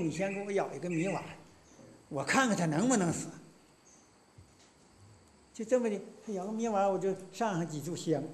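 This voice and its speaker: A man's voice: high-pitched, a little mellow. A man in his sixties with a Northeastern Chinese accent, giving a lecture as a folksy, colloquial storyteller. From Northeast China. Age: 60s. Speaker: folk lecturer.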